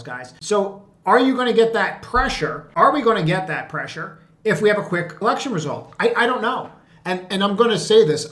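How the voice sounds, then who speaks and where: A man talks through stock charts in a casual teaching tone. His voice sits a little high and he keeps throwing rhetorical questions at the listener, sometimes with a chuckle. The room around him sounds echoey. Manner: animated, rhetorical questions, laughs at points. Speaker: trading educator. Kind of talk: chart walkthrough commentary.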